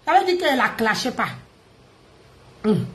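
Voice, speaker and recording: A woman, ranting and mocking on a live stream, loud, laughing and teasing. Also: on the high side, very animated, normal speed. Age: 50s. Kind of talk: Facebook live rant. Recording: echoey room.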